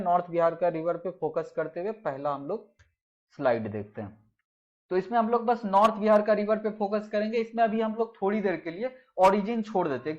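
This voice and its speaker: Male exam-prep tutor, high register, lo-fi voice-over, methodical list-driven delivery. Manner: mixes Hindi with English phrases, repeats key names in lists. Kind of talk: slide-based geography lesson.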